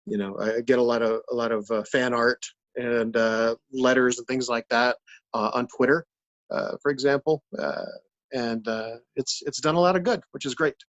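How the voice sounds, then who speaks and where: A man talking casually as an interview guest, halting and repeating words as he searches for the next one. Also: medium pitch, fairly even intonation, dull audio. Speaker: puppeteer and voice actor, interview guest.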